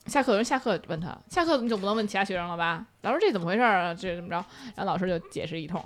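A young woman, chatting casually and telling animated stories. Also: mid-range voice, very fast. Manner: animated storytelling, bursts of laughter. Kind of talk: casual chat.

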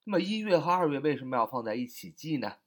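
A man's voice: fairly high pitch, big pitch swings. A man teaching English vocabulary in a recorded online lesson, spelling each word letter by letter and padding his phrases with short fillers. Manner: spells words letter by letter, stretches and repeats them slowly; frequent filler "啊" and "呃" between phrases.

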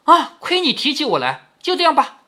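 A man reading as a shrewd, sharp-tongued noblewoman. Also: extremely high pitch, wildly swooping pitch, fairly quick, pitched above the performer's own voice, heavily acted. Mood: pleased. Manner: teasing, sharp. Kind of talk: storytelling reading.

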